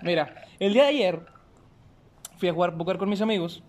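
A young man with a Mexican Spanish accent, telling a story in casual, slangy talk and acting out the shouts and quotes. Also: sits high, expressive, brisk, slight background noise.

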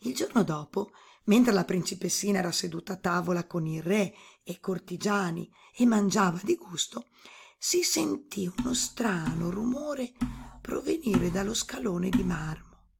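A woman narrating a fairy tale in a calm, even storytelling manner. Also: mid-range voice, unhurried, gravelly, breathy edge.

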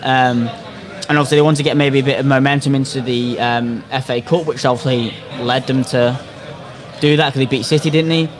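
A man's voice: medium pitch, steady tone, brisk. Sweary man hosting a football chat, crowd behind. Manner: sweary, opinionated. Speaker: podcast host.

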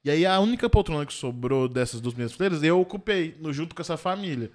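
A man with a Minas Gerais accent tells a story among friends, his voice sitting a bit high. He is animated and excitable, acting out the voices of the people in his story and laughing often. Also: fast talker. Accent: Brazilian Portuguese, from Minas Gerais. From Minas Gerais, Brazil. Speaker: comedian telling a story. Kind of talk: casual chat, animated storytelling.

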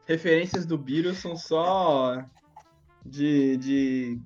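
A man's voice: a little high, slow pace, darkish tone, highs cut off, soft background music. A young man with a Brazilian accent in casual chat, slangy and emphatic, often repeating his words. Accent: Brazilian Portuguese.

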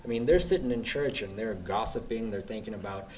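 A man's voice: fairly low pitch, fairly quick, darkish tone. A young man in a casual, reflective group discussion, explaining his thinking earnestly and at length. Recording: distant mic, faint room noise.

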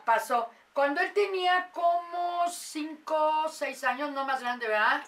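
A mother tells a story in a bright, somewhat high voice. She is animated and acts out the voices of the people she quotes. The mic sits a little away from her. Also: slow pace, recorded from a distance, a little hiss or hum. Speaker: mother telling a paranormal story. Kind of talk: casual storytelling.

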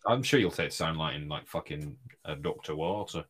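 A man, a guest co-host in casual podcast chat, jokey, swearing and quick to laugh. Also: rumbling low, lively intonation, fairly bright tone, husky.

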